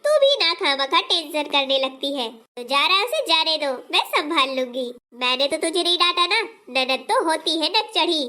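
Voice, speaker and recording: A woman's voice: sits high, very animated, normal speed, few pauses, pushed and bright, full character voice. A woman voicing a scolding older mother-in-law in a cartoon family story, who exclaims and fusses and then soothes. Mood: soothing.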